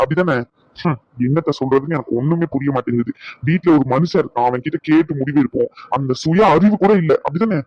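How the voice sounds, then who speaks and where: A man's voice: a little high, dry recording, natural voice. An actor playing a short-tempered husband who scolds his wife with bitter sarcasm, in a dull lo-fi recording. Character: angry proud husband, adult man, short-tempered. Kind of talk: Tamil family drama acting.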